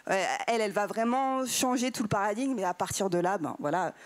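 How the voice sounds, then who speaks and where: A woman speaking on a conference panel, explaining at length with frequent pauses and hesitations. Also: medium pitch. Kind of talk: conference talk. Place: conference room with audience.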